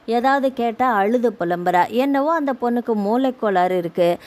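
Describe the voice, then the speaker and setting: A woman's voice: a little high, lively intonation, moderate pace, a little mellow, natural voice. Woman voicing a harsh nagging mother-in-law. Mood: complaining. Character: domineering scolding older mother-in-law.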